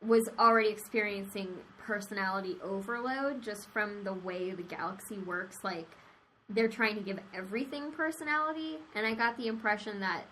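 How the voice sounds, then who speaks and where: A woman with a bright, forceful tone chats about a novel on a podcast. She talks casually and freely among friends. Faint noise hums in the background. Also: mid-range voice, normal speed, rough recording. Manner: chatty, laughs often. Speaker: podcast co-host. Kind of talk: casual book discussion.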